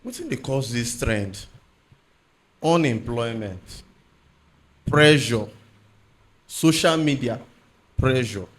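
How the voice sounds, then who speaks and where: A man's voice: medium pitch, big pitch swings, takes it slowly, pauses often, slight background noise. A man with a Nigerian accent discussing things on a podcast panel, mixing Nigerian Pidgin with English.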